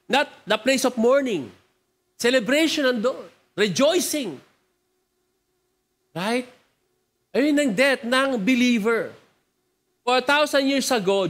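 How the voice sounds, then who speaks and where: A Filipino preacher delivering a sermon in a high male voice. He talks in a loose, conversational way and keeps drawing the listeners in. He mixes in questions for the crowd to answer. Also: fairly bright tone. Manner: conversational, code-switching, asks the crowd to respond. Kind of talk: sermon mixing joke and scripture.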